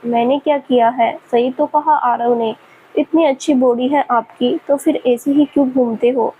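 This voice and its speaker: A woman voicing a young female student who speaks softly and gently. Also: high voice, fairly even intonation, moderate pace, phone-quality sound, a little hiss or hum, natural voice. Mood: playful. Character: young woman student, shy then playful.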